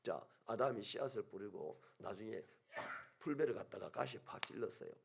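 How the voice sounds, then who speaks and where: Gravelly Gyeongsang-accented preacher. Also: male voice, lowish voice, fairly quick, background noise. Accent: Gyeongsang Korean. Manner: animated storytelling, acting out scenes. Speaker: pastor. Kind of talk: sermon. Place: church sanctuary.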